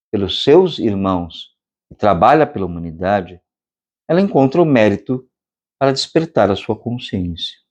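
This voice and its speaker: A man with a Brazilian Portuguese accent giving a spiritual meditation lecture, speaking slowly and deliberately with long pauses and chanting drawn-out vowels. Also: medium pitch, darkish tone. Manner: slow, measured delivery with long pauses. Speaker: meditation instructor.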